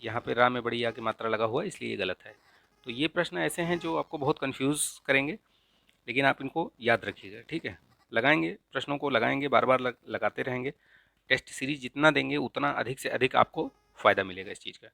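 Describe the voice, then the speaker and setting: A man teaching an exam-prep lesson in a casual, explanatory way, often checking in with "ठीक है?" and slowly repeating correct spellings. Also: mid-range voice, creaky, sharp tone. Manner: frequent checks of "ठीक है?" and filler "अ"; repeats the right spellings slowly to stress them. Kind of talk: casual explanatory lesson, walking through a paper.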